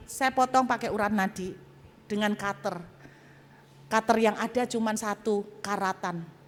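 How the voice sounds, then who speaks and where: A woman's voice: a little high, long reverb tail. A woman pastor preaching a sermon and telling her own testimony, acting out voices and speaking straight to the congregation. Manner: animated storytelling, acting out voices and addressing the congregation directly. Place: church hall.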